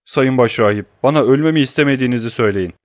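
A man's voice: mid-range voice, very fast, no echo, clean studio sound, natural voice. A man voicing a cowardly, scheming thief who whines and pleads in an audiobook reading. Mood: pleading. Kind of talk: audiobook character voice.

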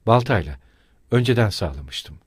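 A man's voice: fairly low pitch, lively intonation, normal speed, slightly rough, no room sound, clean studio sound. A man doing a choked, desperate young workman. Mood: hurried earnest. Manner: choked yet loud, earnest. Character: pale young male workman, desperate and confessing.

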